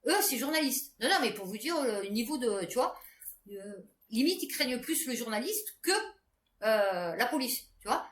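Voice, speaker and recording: Chatty woman vlogger with a lively voice. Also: on the high side, normal speed. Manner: chatty, many fillers and restarts. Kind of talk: casual rambling storytelling to camera. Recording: echoey room with faint background noise.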